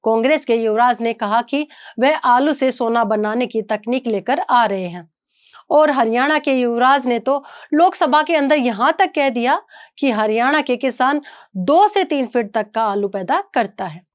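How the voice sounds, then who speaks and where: A woman presenting the news, reading a scripted political report in a measured, even way. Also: on the high side.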